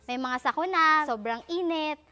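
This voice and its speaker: A woman's voice: high voice, moderate pace, bright, forceful tone. A woman, a community member, speaking cheerfully and simply in a documentary interview, some distance from the microphone.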